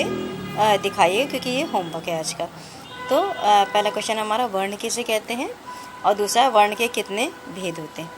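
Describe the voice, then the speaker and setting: A woman teaching young pupils in an online lesson, patiently explaining step by step and addressing them fondly. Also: mid-range voice. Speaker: school teacher.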